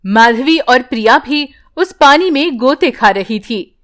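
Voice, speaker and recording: A woman narrating an animated bedtime story in a calm, even storytelling manner. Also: sits high, slow pace.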